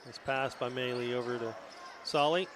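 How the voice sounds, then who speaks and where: A man giving quick, casual color commentary on a high school basketball game. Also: steady tone. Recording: loud gym noise.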